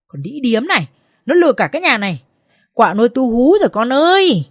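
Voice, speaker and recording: A woman's voice: mid-range voice, animated, normal speed, no room sound, clean studio sound, lightly acted. Woman voicing a shrieking furious mother-in-law. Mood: enraged. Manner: shrieking, hurling insults.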